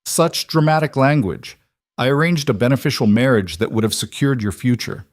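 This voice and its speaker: A man's voice: medium pitch, normal speed, no room sound, clean studio sound, pitched above the performer's own voice, lightly acted. A man voicing a wealthy father around sixty, cold, disdainful and commanding. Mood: scornful. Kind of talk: audiobook character voice.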